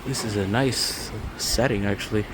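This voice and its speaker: With store music playing and background noise in the mix, a male vlogger gives loose, spontaneous commentary while recording his walk through a large hardware store. He speaks at a normal speed in a lowish voice with fairly even intonation.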